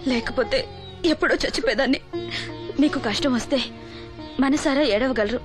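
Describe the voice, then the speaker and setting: An actress playing a sad young woman who gently and tearfully confides a painful secret. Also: sits high, normal speed, over music, lightly acted. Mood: confiding.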